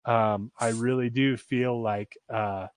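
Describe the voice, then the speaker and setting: A man's voice: medium pitch, fairly even intonation, takes it slowly. A man hosting a podcast in casual chat, informal and slangy, with a mid-range voice. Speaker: podcast host.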